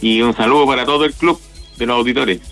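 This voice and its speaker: A man's voice: mid-range voice, fast, a bit bright. Chilean man calling in, faint music behind. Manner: joking, familiar, colloquial. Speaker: radio show caller. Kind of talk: casual phone-in chat.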